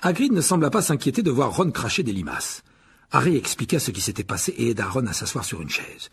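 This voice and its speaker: A man's voice: medium pitch, sing-song, a little fast, slightly rough. A man narrating a storybook expressively as an audiobook reader. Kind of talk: scripted narration.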